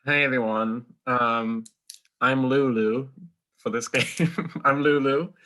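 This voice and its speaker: A man in his early twenties introduces himself with a bright, forward voice. He speaks slowly and keeps breaking into giggles. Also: mid-range voice, steady tone. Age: 20s. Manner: giggly, unhurried. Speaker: game player.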